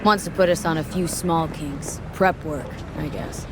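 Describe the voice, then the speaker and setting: An actress playing a cool, tough, streetwise mercenary in a video game, with terse, wry, slangy speech. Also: female voice, deep voice, measured pace, background noise. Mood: matter-of-fact.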